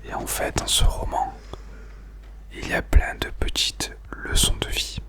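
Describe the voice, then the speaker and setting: A man speaking in a breathy, unvoiced whisper, presenting and reading books in an informal ASMR style. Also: measured pace.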